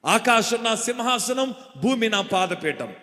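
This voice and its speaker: A man preaching a sermon as pastor with a Telugu accent, leading the congregation in call-and-response and shouting refrains. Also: very high-pitched, sing-song, unhurried. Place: church hall or meeting. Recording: echoey hall reverb.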